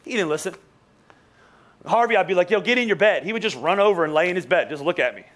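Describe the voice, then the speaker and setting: A young man preaching in a church, his voice pitched high as he tells a rambling, sarcastic story. He stumbles through restarts and throws asides to the people in the pews. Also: lively intonation, fast talker, a bit bright. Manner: joking, sarcastic, many restarts and asides to the congregation. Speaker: pastor. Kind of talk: casual storytelling sermon. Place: church sanctuary.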